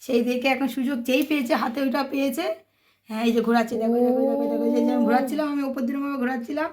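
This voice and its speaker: A woman's voice: high voice, steady tone, racing, very noisy. A woman filming her toddler at home for a casual vlog, coaxing and scolding him while she narrates. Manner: coaxing and scolding a child, exasperated. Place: home, indoors.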